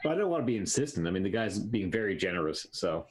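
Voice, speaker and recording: A man playing a tabletop game talks haltingly, restarting and filling gaps with ums. His voice sits a little low. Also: very animated. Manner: hesitant, halting, many fillers. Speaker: player. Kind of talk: casual tabletop play.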